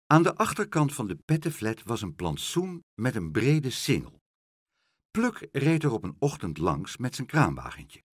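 Brief: male storyteller, slow and highly expressive children's read. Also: husky, dry recording, clean studio sound. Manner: expressive and slow, with dramatic pauses. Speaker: narrator.

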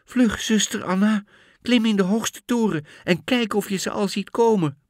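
A man voicing a frightened young wife who cries out in a high, shrill, trembling voice in a fairy tale. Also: moderate pace, no room sound, studio quality, close to an everyday voice.

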